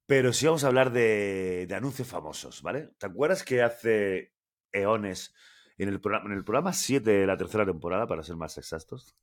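A man from Spain with a somewhat low voice hosts a casual podcast chat. He runs a quiz in a playful, teasing way and reads advert scripts aloud to his friend. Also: expressive, normal speed. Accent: Spanish from Spain. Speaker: podcast co-host running a quiz.

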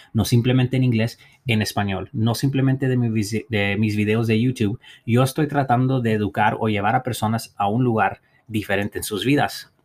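A man with a medium-pitched voice hosts a podcast, giving an earnest, encouraging motivational talk in a language that isn't his first. He often restarts and restates his points.

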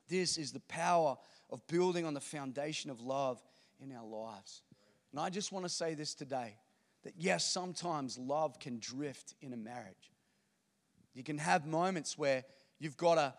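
Man, pastor preaching a sermon, high-pitched, long hall reverb, loud bursts and quiet earnest talk. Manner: swings between loud animated outbursts and quiet earnest talk. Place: large church hall.

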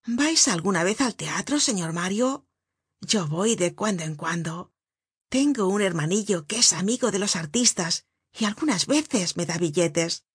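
A woman voicing a poor young woman with a hoarse, guttural voice, brash and quick to boast yet shy underneath. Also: medium pitch, expressive, dry recording, studio quality. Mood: chatty.

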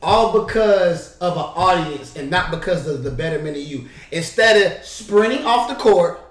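Brief: higher-pitched male podcast co-host, lively, slangy, basketball coach, recorded roomy and a bit off-mic. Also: normal speed, distant mic. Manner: animated, playful, slangy, acts out bench banter. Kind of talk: casual podcast chat.

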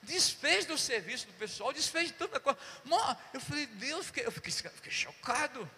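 A pastor preaching a sermon, telling stories and acting out voices while calling "Amém?" to the congregation. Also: male voice, very high voice, moderate pace. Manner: animated, acts out dialogue, calls "Amém?" to the congregation. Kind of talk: sermon with storytelling. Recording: long church hall reverb.

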